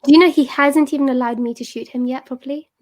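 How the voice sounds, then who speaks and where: A British fine art photographer co-hosts a casual live-stream chat, playful, animated, and laughing often. She talks fast in a high-pitched voice.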